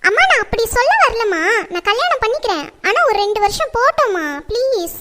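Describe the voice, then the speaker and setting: A woman's voice: very high voice, lively intonation, fairly quick, noisy background. A woman acting as a pampered young daughter who whines and pleads with her mother. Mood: pleading. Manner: whining, pleading.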